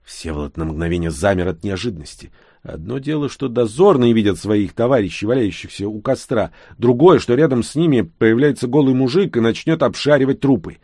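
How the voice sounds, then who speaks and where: A man narrating an audiobook in a steady, tense storytelling manner. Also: medium pitch, brisk, dry recording, studio quality. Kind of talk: scripted narration.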